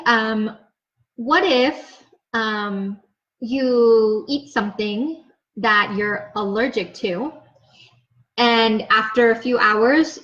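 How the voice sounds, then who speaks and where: Her voice on the high side and a bit bright, this young English teacher gives a slow, clear ESL lesson, explaining words with patience. She checks in with "okay?" after every point, and the audio sounds slightly dull and lo-fi.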